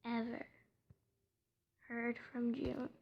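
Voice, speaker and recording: A woman telling a home-made story casually, hesitant and soft, often slipping into whispers, with faint noise behind her. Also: fairly high pitch, level tone, drawn-out words, creaky, dull audio.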